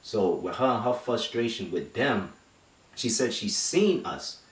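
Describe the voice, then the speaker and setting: Speaking at a measured pace in a lowish voice, a man tells a story in casual conversation, animated and acting out quotes in street slang. The mic is far off in an echoey room.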